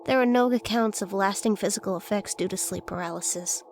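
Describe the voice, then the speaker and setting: Female horror narrator, scripted first-person tale, mid-pitched, slight background noise. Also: brisk, a little mellow. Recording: faint noise and ambience behind voice.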